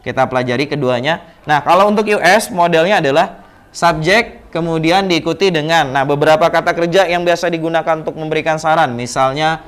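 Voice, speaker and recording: Man, Indonesian accent, English teacher, classroom lesson, patient, repeats words, slightly high voice. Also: brisk, a bit bright, smooth. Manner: explains patiently, repeats words to drill pronunciation.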